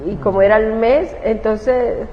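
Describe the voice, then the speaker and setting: A woman's voice: fairly high pitch, steady tone, unhurried. Salvadoran lady pastor, emotional storytelling, acts out her old words, faint hiss behind. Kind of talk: telling her life testimony in an interview. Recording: roomy, dull recording with faint hiss.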